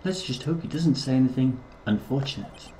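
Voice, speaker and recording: A man reads as a calm woman lawyer mentoring her junior in a courtroom game, her advice steady. The voice is recorded in an echoey room with a faint hum. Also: medium pitch, a little fast, close to an everyday voice. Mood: advising.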